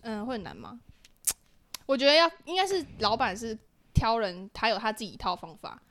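Quick, bright Taiwanese-accented young woman. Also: fairly high pitch. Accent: Taiwanese Mandarin. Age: 20s. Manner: excitable, repeats herself. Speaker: guest, graduate student intern. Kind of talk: casual chat.

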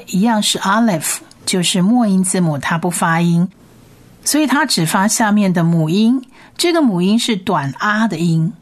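A woman teaching a recorded language lesson in a patient way, repeating each sound slowly and carefully. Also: medium pitch. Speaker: Hebrew teacher.

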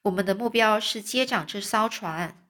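A woman voicing a gruff, scheming male sailor who talks bluntly and scolds his shipmates. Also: mid-range voice, normal speed, fairly bright tone, lightly acted. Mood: gruff, scolding.

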